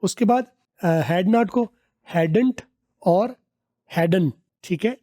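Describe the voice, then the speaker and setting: A man teaching English pronunciation, explaining step by step, repeating example phrases slowly and drawn out, and asking his learners to guess. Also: high voice, dark tone. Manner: asks learners to guess answers.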